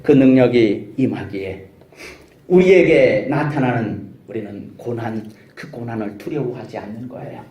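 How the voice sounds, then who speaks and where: A man's voice: mid-range voice, a little slow, warm tone. A male pastor preaching a sermon, emphatic and full of rhetorical questions and calls of hallelujah. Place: church sanctuary. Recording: echoey church sanctuary.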